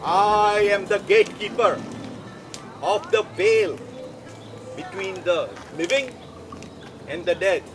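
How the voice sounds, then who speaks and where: A man's voice: sits high, slow pace, pauses often, over music. A man playing a dim-witted fortune-telling gatekeeper of the veil, grandiose and comically earnest, in a live show. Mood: grand, mystical. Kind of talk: improvised comic live performance.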